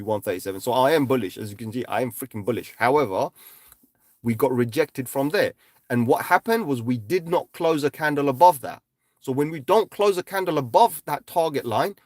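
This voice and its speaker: A man casually walking viewers through trading charts on a livestream. He talks emphatically, speeds up in bursts, slows down to stress his points and keeps tagging lines with "right?". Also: mid-range voice, dry recording, studio quality. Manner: emphatic, repeats "right?" constantly. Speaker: crypto chart analyst livestreaming.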